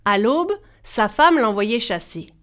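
Woman reading a folktale aloud. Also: fairly high pitch. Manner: measured, animated voices for characters. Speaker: storyteller. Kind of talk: expressive storybook reading.

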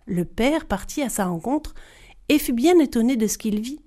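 A woman storyteller telling a folktale aloud, expressive and speaking directly to her listeners. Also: on the high side, normal speed.

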